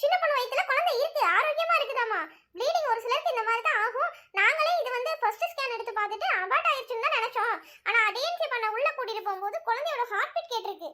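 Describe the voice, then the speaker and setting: A woman voicing an excitable, devout female friend in a cartoon, gushing with excitement. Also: extremely high pitch, very fast, heavily acted. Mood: excited.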